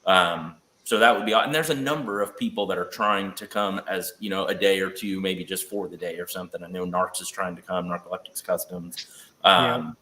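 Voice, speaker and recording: A man with a lowish, bright voice talks loosely about plans, full of fillers and hedges. His voice rings in a roomy space. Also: steady tone, brisk, a little hiss or hum. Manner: rambling, hedging with fillers. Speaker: guest on automotive chat. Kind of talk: casual chat.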